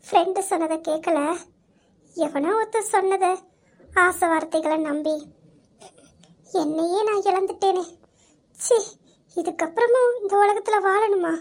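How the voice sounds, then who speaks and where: Asha is a heartbroken young woman in an amateur audio drama, ashamed and full of self-blame, speaking in a very high, halting voice, as a woman acts her. She breaks off and restarts her lines as if close to tears. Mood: despairing. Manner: tearful, halting, self-blaming. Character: young woman, ashamed and despairing after betrayal.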